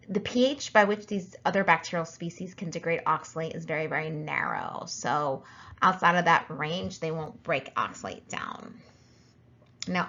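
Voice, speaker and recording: Woman practitioner, low gravelly voice, explanatory with ums, slightly lo-fi audio. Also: pushed and bright. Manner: explanatory, with frequent ums and self-corrections. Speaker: functional medicine practitioner. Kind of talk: educational health talk.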